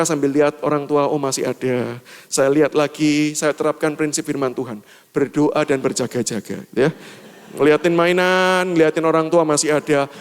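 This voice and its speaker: A man's voice: a little high, clear, resonant tone, long reverb tail. A man from Surabaya preaching a storytelling sermon, acting out scenes animatedly during a church service. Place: assembly hall church service.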